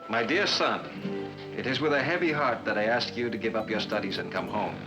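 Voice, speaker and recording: An actor playing a proud young gentleman with a put-on Spanish accent, speaking formally in a clip from a 1950s TV show. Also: on the low side, a little fast, rough recording. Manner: formal, dignified period speech. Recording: old TV soundtrack with music behind.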